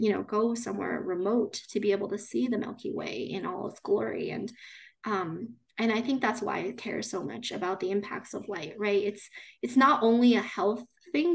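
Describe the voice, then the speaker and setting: A young woman from China talking casually after a talk. Her voice sits at an ordinary middle pitch. She restarts her sentences often and keeps checking in with "right?" and "you know". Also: vocal fry. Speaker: speaker answering questions after a talk. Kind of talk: casual conversation.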